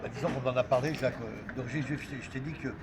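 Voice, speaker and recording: A man's voice: mid-range voice, racing, gravelly, a crowd in the background, low-quality recording. A man in a casual group debate at an outdoor café, insistently holding the floor to make his point. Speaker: discussion participant. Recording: loud street noise outdoors.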